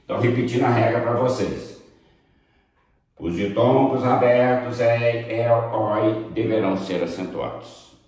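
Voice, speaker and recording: A man's voice: mid-range voice, unhurried, darkish tone. A man teaching a grammar lesson, emphatic, repeating examples and checking in with students. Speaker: Portuguese teacher. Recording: very echoey room.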